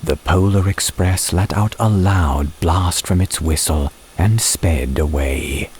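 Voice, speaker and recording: A man reads a story as a dramatic audiobook narrator. His voice sits low and his delivery is slow and measured. Music runs behind him throughout. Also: darkish tone, slight background noise. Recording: background music under the voice. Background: background music and soundscape.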